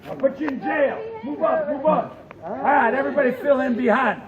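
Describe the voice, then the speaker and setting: Casting: male ghost tour guide, high voice, theatrical folksy storyteller, heard distantly in an echoing room. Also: a little fast, crowd noise. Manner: dramatic, folksy old-time storyteller. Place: tour venue among a group of visitors. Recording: echoey reverberant room, distant mic, dull noisy audio.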